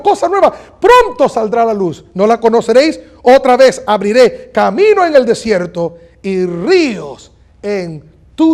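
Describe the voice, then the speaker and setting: A man preaching a sermon as pastor, earnest and emphatic, repeating lines and slowing down on key phrases. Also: high-pitched, a little mellow.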